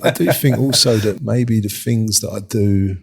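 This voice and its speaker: A man's voice: fairly low pitch, moderate pace, creaky. A man, a designer, chatting in an interview in a rambling, self-mocking way and laughing often. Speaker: furniture designer, guest. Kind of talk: casual interview chat.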